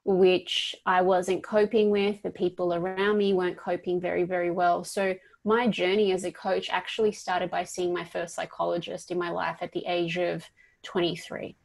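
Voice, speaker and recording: A woman's voice: on the low side, flat delivery, moderate pace, vocal fry. A woman in her thirties from Perth with an Australian accent, talking emphatically as a life coach guest in an interview. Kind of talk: casual interview talk.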